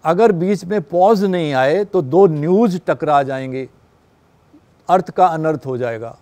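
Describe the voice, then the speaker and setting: Man, classroom lecture, radio production instructor, explanatory, fairly high voice, warm mellow tone. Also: unhurried. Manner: explanatory, checks in with listeners often.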